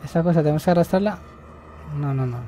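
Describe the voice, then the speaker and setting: A young man with a high voice gives let's-play commentary as he plays. He is excitable, repeats words in rapid bursts and yelps when something startles him. A faint hum of noise sits underneath. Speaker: gamer.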